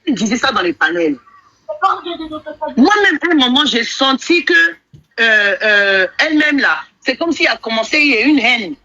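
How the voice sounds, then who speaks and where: A woman's voice: fairly high pitch, sing-song, normal speed, sharp tone, dry recording. A woman calling into a live stream, hesitant and defensive, repeating herself. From Ivory Coast. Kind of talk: heated phone call on a live stream. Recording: muffled phone-call audio.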